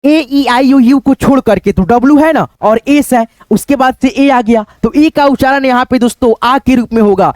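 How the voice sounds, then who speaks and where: Teacher, male, very high voice, spells words out slowly, close dry mic. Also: a little mellow, no echo. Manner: spells words out letter by letter, keeps asking "दोस्तों". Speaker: English teacher. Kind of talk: spoken lesson.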